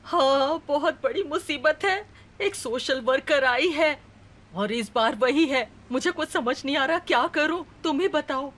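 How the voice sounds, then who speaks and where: A woman voicing an anxious, pleading mother figure in a dubbed TV drama, over loud background music. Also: high voice, lively intonation, measured pace. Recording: loud music under dialogue.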